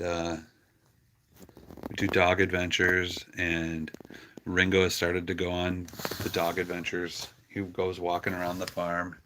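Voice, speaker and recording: On his farm, a man with a low, slightly bright voice runs an easygoing livestream about his animals, speaking conversationally and slipping into fond pet talk.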